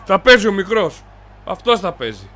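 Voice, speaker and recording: A young man loudly commenting while he plays a football video game, cheering and cursing at his players. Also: high-pitched. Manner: loud, excitable, yells and swears at his players. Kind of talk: excited gaming commentary.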